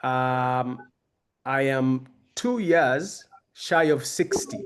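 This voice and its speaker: A man's voice: medium pitch, very slow, background noise. A man in his fifties from Uganda, giving a conversational, self-deprecating personal talk to young people as a guest speaker. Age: 50s.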